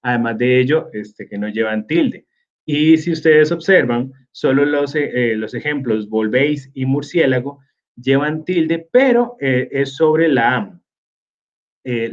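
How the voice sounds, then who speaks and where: A man, teaching a recorded slide lesson slowly and filling pauses with hesitations. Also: mid-range voice, muffled recording. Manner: slow, with many fillers like "este" and "eh".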